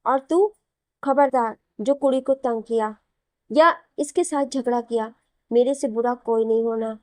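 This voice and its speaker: Motherly middle-aged mother-in-law, read by a woman narrator in an audio story, fond but stern, mellow tone, dry booth. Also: fairly high pitch, a little slow, dry recording, close to an everyday voice. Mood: scolding. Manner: motherly and scolding by turns. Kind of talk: Hindi audio novel reading.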